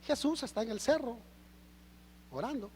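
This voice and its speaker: A Mexican man preaching a sermon as pastor, animated and full of rhetorical questions. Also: very high voice, moderate pace, long reverb tail, a little hiss or hum. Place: church hall.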